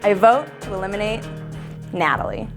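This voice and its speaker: A woman's voice: mid-range voice, very animated, moderate pace, vocal fry. Earnest woman contestant over music. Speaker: reality game contestant. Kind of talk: confessional.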